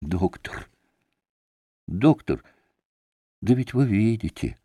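A man's voice: lowish voice, big pitch swings, takes it slowly, dark tone, breathy edge, dry recording, studio quality, exaggerated voice. A man voicing a desperate, poor staff captain who keeps pleading and breaking off his words. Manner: imploring, breaking off mid-plea.

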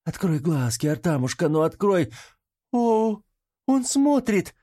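An anxious young woman pleads in a raised, strained pitch, as a man puts her on in an audiobook. The voice stays husky. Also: big pitch swings, takes it slowly, dark tone, no echo, clean studio sound, full character voice. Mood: pleading.

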